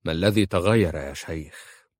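A man's voice: deep voice, moderate pace, a little mellow, dry recording. A man voicing a young husband who is cold and hard-hearted, speaking curtly and sarcastically. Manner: sarcastic and curt.

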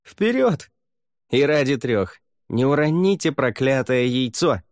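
A man voicing a commanding, sharp-tongued female pirate captain in an audiobook. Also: medium pitch, very animated, a little slow, pitched above the performer's own voice. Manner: commanding, snappish.

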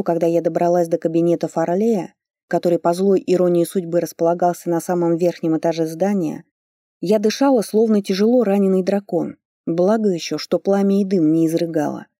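Expressive audiobook narrator, dark-toned woman. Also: lowish voice, no echo, clean studio sound. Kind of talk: first-person audiobook narration.

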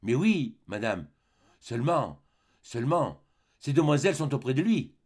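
A deferential, stammering housemaid, stout and middle-aged, as a male audiobook narrator reads her part. Her lines come lower and softer, full of hesitation. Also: sing-song, moderate pace, slightly rough. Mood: hesitant.

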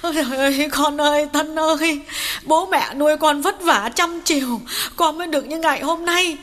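A man's voice: very high voice, normal speed, pushed and bright, voice pushed up. A man voicing an aging peasant mother who speaks in a choked, wailing lament. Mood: tearful reproach.

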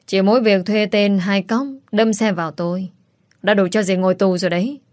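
A woman's voice: medium pitch, steady tone, moderate pace, a little mellow, no room sound, studio quality, natural voice. Woman reading as a cold determined young man.

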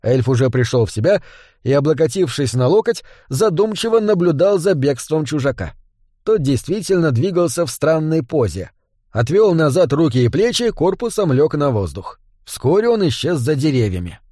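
A man reads an audiobook with a very animated, expressive melody. His voice sits slightly high and sounds dry and close to the mic. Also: normal speed, no echo. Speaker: narrator. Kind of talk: audiobook narration.

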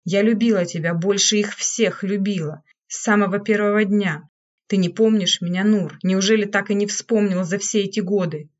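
A woman's voice: mid-range voice, steady tone, moderate pace, close to an everyday voice. A woman reading an audiobook, voicing a hysterical, jealous woman servant who speaks in a bitter, accusing way. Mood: desperate. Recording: dull lo-fi recording.

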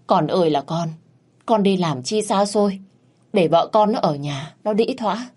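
A woman voicing a spiteful, scheming old village mother-in-law who wails and scolds in a shrill voice. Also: lively intonation, a little slow, darkish tone. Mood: complaining.

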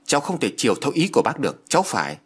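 A headstrong young city woman, as a male reader voices her, pressing her point with a husky, animated voice. An audiobook character voice. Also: mid-range voice, very fast, voice pushed up. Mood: insistent.

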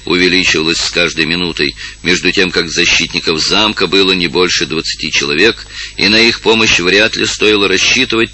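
A man narrating an adventure novel in a dramatic, measured reading. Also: deep voice, sharp tone, low-quality recording. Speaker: audiobook narrator. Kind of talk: scripted narration.

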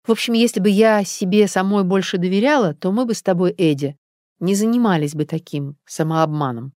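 A woman's voice: mid-range voice, a little fast, a little mellow, no echo, clean studio sound, lightly acted. A woman reading a young mother who confides her fears to her husband in a rueful, guilty way.

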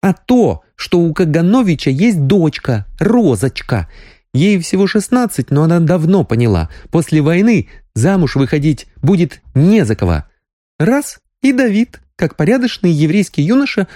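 In an audiobook, a tearful, spirited young woman doctor, as a male reader puts her on speaks in a raised, lively, swooping voice. Her tone stays mellow, and the recording is dry and close. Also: normal speed, no echo. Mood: agitated. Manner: raised falsetto-like voice, sobbing, emotional. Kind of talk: audiobook character reading.

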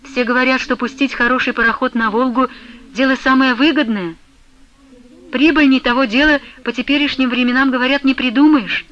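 A woman's voice: high-pitched, fairly bright tone, dull audio, voice pushed up. A woman reading an audiobook, voicing a tearful young widow who pleads and sobs with her beloved. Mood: wistful. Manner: pleading, sobbing, endearing.

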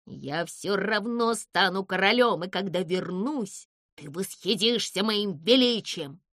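A woman's voice: medium pitch, animated, a little slow, a bit bright, no room sound, studio quality. Woman doing an envious creature vowing to be king. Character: envious would-be king creature, male, boastful.

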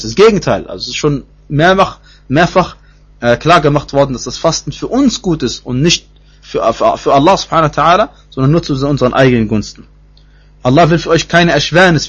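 Man, religion lesson, husky, hesitant with restarts, muffled lo-fi audio. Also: a little high. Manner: repeats himself, many fillers and restarts. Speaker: Quran teacher. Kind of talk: spoken Quran commentary lesson. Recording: dull lo-fi recording.

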